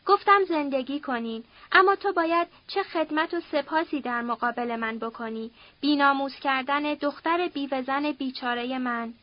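A woman's voice: sits high, highs cut off, lightly acted. Woman doing a raging old patriarch. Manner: shouting threats, harsh and coarse. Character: furious domineering patriarch, older man.

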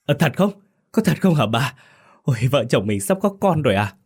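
A man voicing a caring village husband who fires off flustered, quick questions. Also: low-pitched, fairly bright tone. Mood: overjoyed.

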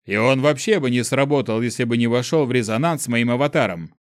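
A man doing a gruff teasing keeper. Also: mid-range voice, fast talker, dry recording, studio quality, close to an everyday voice. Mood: offhand. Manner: grumbling, mocking. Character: gruff teasing male keeper, old ancient being.

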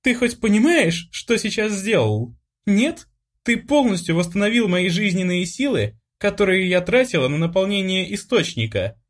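A male audiobook reader voicing a bold, teasing teenage sister in a high, breathy, excitable voice. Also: normal speed. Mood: excited. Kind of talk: audiobook character voice.

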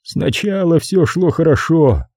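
A man's voice: high voice, big pitch swings, normal speed, warm tone, breathy edge, no room sound, studio quality, voice pushed up, heavily acted. A male audiobook narrator voicing a sulky, tired man who stubbornly pushes the problem onto someone else. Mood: grumbling. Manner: petulant and complaining.

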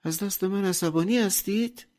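A man voicing a sly, unhurried young farmhand. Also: sits high, a little mellow, voice pushed up, close to an everyday voice.

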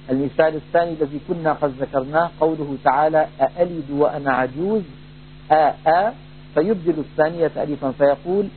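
A man teaching a Quran recitation lesson, explaining rules in a measured way and slowly drawing out recited examples. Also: fairly high pitch. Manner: measured, drawn-out demonstrations of recited words. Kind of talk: tajwid lesson with demonstrated recitation. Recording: tinny phone-like band, faint hum.

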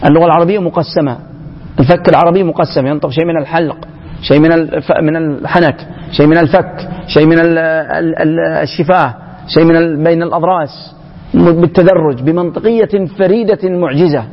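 A man giving an emphatic public lecture to young people, often pausing and restarting mid-phrase. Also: on the high side, fairly even intonation. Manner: emphatic, halting, with frequent restarts. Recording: echoey hall, dull lo-fi sound.

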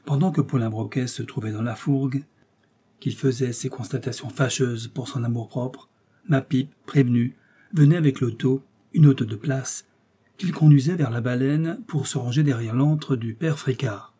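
A man giving steady, measured audiobook narration of a classic novel. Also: mid-range voice, breathy edge.

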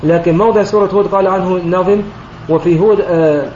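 A man, a sheikh, explains a recitation poem line by line in a methodical way, often clearing his throat and correcting himself. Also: sits high, quick pace, a little mellow. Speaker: sheikh teaching Quranic recitation. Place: online voice chat room. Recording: roomy, dull lo-fi online voice chat with faint noise.

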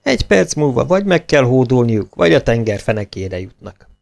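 A man reading a children's storybook aloud, expressive and animated. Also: mid-range voice, vocal fry. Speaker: audiobook reader. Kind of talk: storybook narration.

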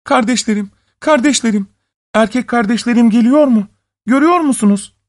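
Man putting on a high voice, frightened young wife, pleading, tearful, storybook. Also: expressive, moderate pace, mellow, no echo, clean studio sound.

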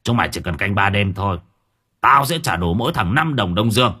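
A man voicing a frightened middle-aged landlord who stammers, screams in panic and gives gruff orders. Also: on the low side, expressive, a little fast, bright, forceful tone, full character voice. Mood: commanding.

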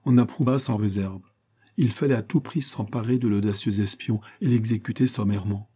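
A man's voice: lowish voice, fairly quick, breathy edge. A man reading a classic novel aloud as an audiobook narrator, telling the story evenly and lifting his voice for the characters' lines. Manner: even storytelling, lifts voice for quoted speech. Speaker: audiobook reader.

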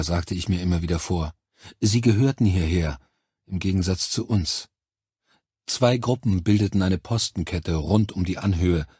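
A man narrating an audiobook in a steady, even storytelling manner, close to a studio microphone. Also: low voice, husky, dry recording.

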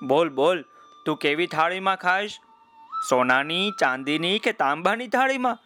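A man voicing a kind, magical golden crow in a children's story, speaking gently and coaxingly. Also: fairly high pitch, expressive, moderate pace, soft background music. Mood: gentle coaxing.

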